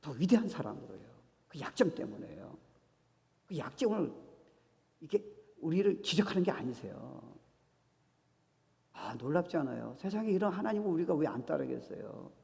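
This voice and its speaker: A man preaches in an animated sermon, his fairly high voice swinging widely in pitch as he acts out conversations and slips in English phrases. His words ring out with the long reverb of a church sanctuary. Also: normal speed, gravelly, pauses often. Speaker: pastor.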